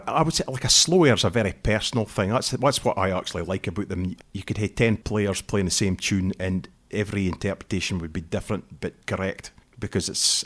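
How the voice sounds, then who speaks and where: Brief: Scottish man from the northeast, lowish voice, easygoing storyteller, Scots words. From northeast Scotland. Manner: relaxed, talkative, uses Scots words like wee and aye. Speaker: guest musician. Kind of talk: casual interview chat.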